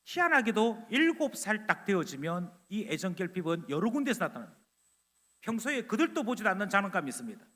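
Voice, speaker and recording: A man preaching a sermon loudly and energetically, acting out little scenes of dialogue. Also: sits high, fast talker. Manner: animated, loud, acting out dialogue. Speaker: pastor. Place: church sanctuary. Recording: long church hall reverb.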